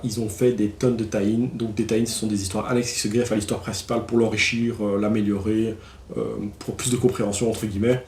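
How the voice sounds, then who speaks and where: A man's voice: on the low side, a little mellow, roomy sound, slight background noise. A man casually reviewing new comic releases, enthusiastic and slangy, with lots of fillers and restarts.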